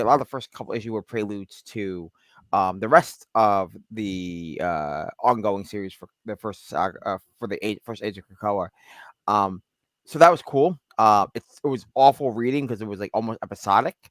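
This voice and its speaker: A podcast co-host with a lowish, somewhat bright voice speaks briskly in casual conversation. He rambles, using lots of fillers and restarts, and the recording has no room sound.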